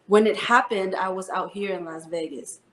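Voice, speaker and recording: A woman's voice: medium pitch, moderate pace, echoey room. A woman in her thirties, from the Philippines and raised in New Jersey, an Army first sergeant telling her story in an interview with earnest, heartfelt talk and many fillers. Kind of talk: interview conversation.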